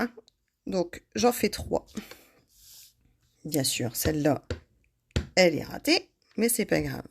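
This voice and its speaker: Woman craft host, leisurely and friendly, talks to viewers by name as she works. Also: on the high side. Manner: chatty, addresses viewers by name, laughs at herself. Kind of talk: casual craft demonstration.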